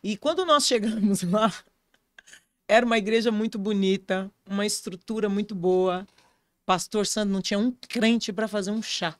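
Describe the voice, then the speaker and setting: A woman's voice: mid-range voice, moderate pace, no room sound. A woman pastor with a Brazilian accent, telling a personal testimony in an interview and acting out the voices of people in her story. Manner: vivid storyteller who acts out quoted voices. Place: podcast studio.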